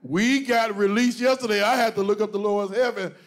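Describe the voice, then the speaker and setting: A middle-aged pastor with a voice strikingly high for a man addresses his congregation from an indoor church stage, holding a handheld mic. His preachy, conversational talk is brisk, joking and animated, with lines punched out in loud bursts.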